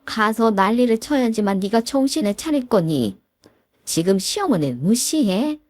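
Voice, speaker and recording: A woman's voice: a little high, animated, normal speed, no echo. A woman voicing a domineering middle-aged mother-in-law who scolds and whines reproachfully. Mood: scolding.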